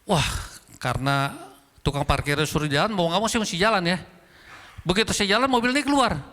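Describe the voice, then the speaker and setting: A man's voice: high voice, fairly quick. A male pastor, preaching a sermon and acting out the dialogue in his story. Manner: animated storytelling, acting out dialogue, addressing congregation as "saudara". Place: large church hall. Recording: long hall reverb.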